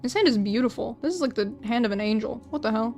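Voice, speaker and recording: A young woman chatting casually on a drawing livestream, rambling and self-deprecating, often restarting her sentences. Her voice sits fairly high. Faint music plays in the background. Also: lively intonation, fast, darkish tone. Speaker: art streamer.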